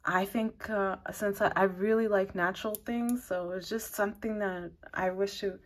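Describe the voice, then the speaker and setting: A knitting channel host with a medium-pitched, fairly even voice reviews needles at normal speed. The review is relaxed and loosely organized, and she rambles, dropping in plenty of "like" while describing herself as an advanced beginner knitter.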